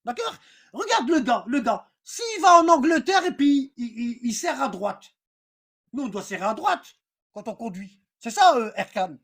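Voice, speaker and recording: High-pitched woman talking in French street slang. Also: sing-song, normal speed, fairly bright tone, breathy edge. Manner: repeats phrases and checks understanding with rhetorical questions. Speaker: religious teacher on a livestream. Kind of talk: informal live religious lesson, explanatory.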